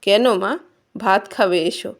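Woman reader doing a poor, gentle old village farmer, soft and pleading, storybook reading. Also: medium pitch, steady tone, measured pace, lightly acted.

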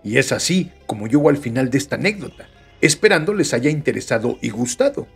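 A man's voice: medium pitch, lively intonation, a little fast, gravelly, breathy edge, soft background music. A man with a Mexican Spanish accent, hosting a podcast, reading listener stories aloud with chatty joking asides. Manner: chatty, joking asides between read passages. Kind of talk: casual storytelling reading.

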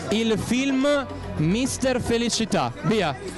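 A young Italian man works as a showy game show host, pitched very high and fond of teasing and drawn-out reveals. He speaks into a handheld microphone outdoors, with clear music and crowd noise behind him. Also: expressive. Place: outdoors at night at an event.

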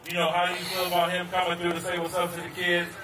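High, flat-voiced man hyping a crowd. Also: very fast. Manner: chatty storytelling, hyping the crowd. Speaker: parent and event organizer. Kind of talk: addressing a crowd. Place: outdoor baseball field. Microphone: handheld microphone. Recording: echoey, distant, noisy outdoor PA.

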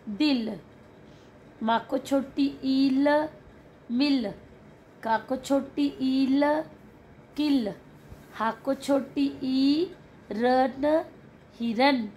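A woman teacher walking through a children's worksheet, spelling out syllables slowly and drawing out each sound. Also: sits high, darkish tone, slight background noise. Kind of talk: worksheet walkthrough lesson.

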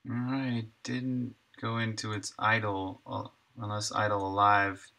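A game developer in his thirties codes on a live stream from a desk in a small room, thinking aloud casually and muttering short fragments. His gravelly voice is fairly low, a little slow, and flat in pitch, heard over loud music.

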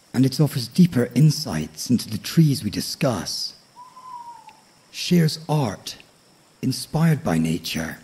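A man with a husky, breathy voice hosting a bedtime podcast, soothing, unhurried and polite. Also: medium pitch, mellow. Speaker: host of a sleep story podcast. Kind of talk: calm bedtime podcast introduction.

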